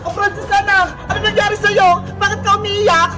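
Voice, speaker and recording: A voice actor playing a fussy, worried mother in a cartoon, firing off frantic questions, with loud music behind. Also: extremely high pitch, level tone, moderate pace, a loud crowd. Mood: concerned.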